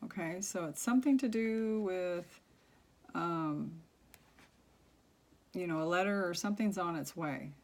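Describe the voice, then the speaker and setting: A soft-spoken woman giving a tarot reading, talking low and halting with many fillers. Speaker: tarot reader.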